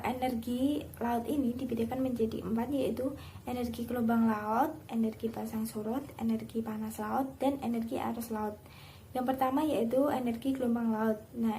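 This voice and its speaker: A woman's voice: a little high, dark tone, a little hiss or hum, poor audio. Hesitant young woman giving a class talk. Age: young adult. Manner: reads steadily with frequent hesitation fillers. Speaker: university student presenter. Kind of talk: class presentation.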